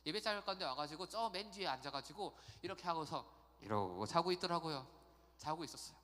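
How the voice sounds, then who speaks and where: Animated man preaching to youth in echoey hall. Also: a little high, fast. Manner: chatty, animated storytelling with acted quotes. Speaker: youth pastor. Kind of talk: youth sermon. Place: church sanctuary.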